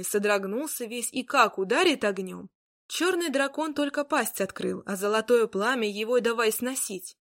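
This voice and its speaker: Woman reading a fairy tale. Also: fairly high pitch. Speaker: storyteller.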